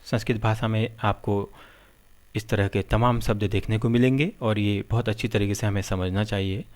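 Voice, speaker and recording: A man teaching a lesson, spelling out letters one by one in a measured way. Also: on the low side, steady tone, a little mellow. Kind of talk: slow explanatory lesson.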